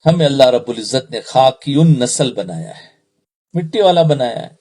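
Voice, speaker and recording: Husky-voiced man preaching a sermon. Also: mid-range voice, lively intonation, dark tone. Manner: repeats phrases, asks the audience rhetorical questions. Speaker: Islamic preacher.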